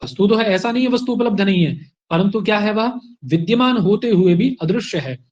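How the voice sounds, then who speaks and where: A man's voice: sits high, lively intonation, a little fast, darkish tone, dull audio. A man teaching a Sanskrit grammar class online, explaining step by step and answering his own questions. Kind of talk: online exam-prep lecture.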